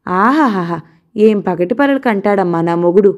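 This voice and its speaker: A woman voicing a fiery, sharp-tongued old grandmother who scolds and curses. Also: mid-range voice, expressive, normal speed, lightly acted. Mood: teasing. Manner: scolding, sarcastic, heaping curses.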